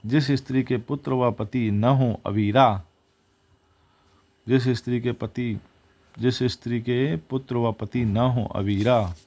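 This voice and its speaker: A man's voice: medium pitch, steady tone, slow pace, a little mellow. A man teaching exam vocabulary, reciting words and their opposites one after another and correcting himself as he goes.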